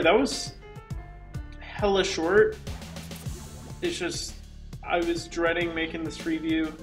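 Rambling reviewer in an echoey room. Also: mid-range voice. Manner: rambling, full of restarts and fillers. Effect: echoing room sound. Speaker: game reviewer. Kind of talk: casual video game review. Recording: echoey room with game music.

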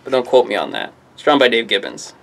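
Over slight background noise, a comic shop staffer with a gravelly, fairly bright, medium-pitched voice talks quickly in a sing-song way. He casually walks the camera through new comics, rambling and offhand, with self-mocking asides and frequent drifts into "I don't know."

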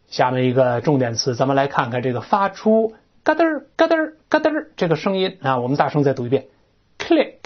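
An English teacher giving a chatty, animated vocabulary lecture, often imitating sounds and checking in with "right?". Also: medium pitch. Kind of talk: classroom-style lecture on vocabulary. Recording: dull lo-fi recording.

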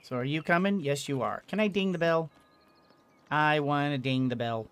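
A middle-aged man sits indoors at a desk giving casual, playful, rambling commentary on a game as a streamer and let's player. His slightly high voice is a bit bright and clean, at a moderate pace, with game music behind.

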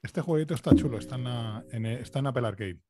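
A man's voice: mid-range voice, quick pace, a crowd in the background. A man co-hosting a live podcast, chatting and commenting in a joking, blunt way. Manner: joking, blunt, swears casually. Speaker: podcast host. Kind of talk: casual live commentary chat.

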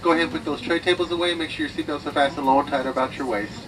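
A man's voice: a little high, steady tone, very fast. A man working as a flight attendant, making routine cabin announcements. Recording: distant cabin PA, clear aircraft noise.

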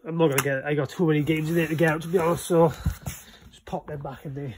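A young Welsh man rattles through a casual tour of his small games room at home, recorded on a handheld phone with slight background noise. He talks fast in a steady, slightly mellow voice on the high side, rambling with many fillers.

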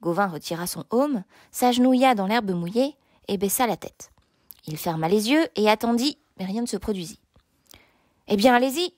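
A woman narrating a storybook chapter in a steady, expressive reading. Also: mid-range voice, normal speed, no room sound, studio quality. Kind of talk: audiobook narration.

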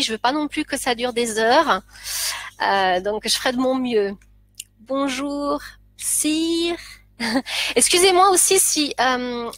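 A woman's voice: sits high, a bit bright, no echo. A woman who teaches French, chatting on a live stream as she greets viewers by name and laughs often. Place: home, living in Pakistan.

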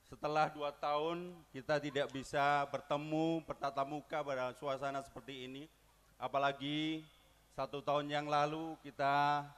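A man's voice: on the high side, fairly bright tone, smooth. A man giving a formal public speech at a community gathering, ceremonious and leading the crowd in call-and-response chants. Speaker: guest speaker at a community gathering.

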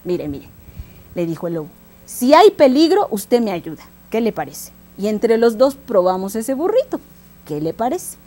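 A woman's voice: fairly high pitch, sing-song, normal speed, warm tone. A woman voicing a cocky, self-assured male wolf in a told story, mocking and scheming.

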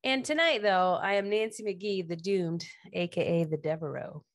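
A woman's voice: fairly low pitch, normal speed, no echo, clean studio sound. A woman introducing herself as a player on a tabletop game stream, offhand and a little hesitant. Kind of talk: casual self-introduction.

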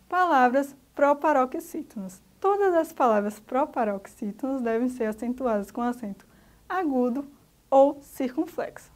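High-voiced Brazilian woman teaching children. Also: a little mellow. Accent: Brazilian Portuguese. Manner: patient, explaining step by step to children. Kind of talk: recorded remote school lesson.

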